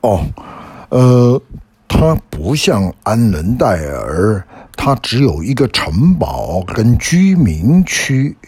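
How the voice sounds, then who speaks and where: A polite court minister from a bedtime story explains the way slowly and courteously, as a man voices him close to his own voice. The voice is husky and a little low, in a dry, close recording. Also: big pitch swings, darkish tone, no echo, heavily acted. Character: polite middle-aged male court minister.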